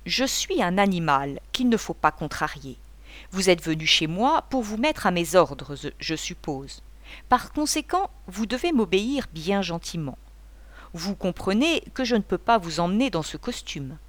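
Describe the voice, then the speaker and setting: A woman's voice: fairly low pitch, big pitch swings, normal speed. Woman doing a rambling bossy male painter. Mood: chattering, bossy. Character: boisterous talkative middle-aged male painter.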